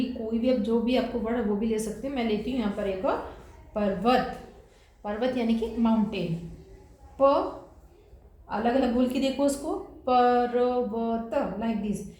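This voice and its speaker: A woman's voice: on the high side, normal speed, dark tone. A woman teacher giving a classroom lesson, spelling words out sound by sound and mixing in terms. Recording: very echoey room.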